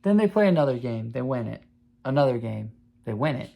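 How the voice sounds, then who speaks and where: A man in his twenties hosting a podcast, talking in a rambling, profane, excitable way in casual sports chat. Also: mid-range voice, brisk, creaky, highs cut off. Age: 20s. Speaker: podcast host.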